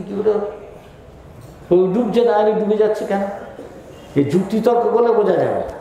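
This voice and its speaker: Male preacher, high and lively, unhurried storytelling sermon, big echoing hall with a crowd. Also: background noise. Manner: storytelling, animated, leads the crowd in chanting. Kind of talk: devotional sermon in mixed Bengali and English. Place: large festival hall with a crowd.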